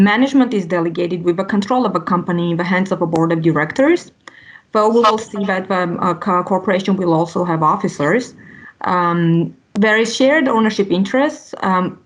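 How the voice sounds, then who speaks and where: A woman's voice: mid-range voice, low-quality recording. A young woman from Armenia presents a legal webinar as an attorney. She speaks in a mid-range voice, stopping often with "um" and restarting her sentences. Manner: frequent "um" fillers and restarts.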